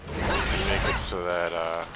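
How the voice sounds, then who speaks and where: A man's voice: deep voice, steady tone, normal speed, loud music behind the voice. A man giving casual, offhand gameplay commentary, rambling and swearing freely. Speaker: gamer commentator. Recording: loud game sound behind voice.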